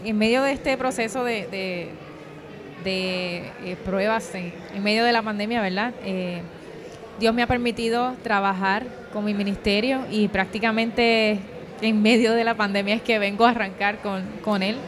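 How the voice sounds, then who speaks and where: In an unhurried, medium-pitched voice with fairly even intonation, a young Puerto Rican woman earnestly and hesitantly recounts a personal testimony for an interview. She uses a handheld microphone at a convention booth, where chatter from the event crowd is audible.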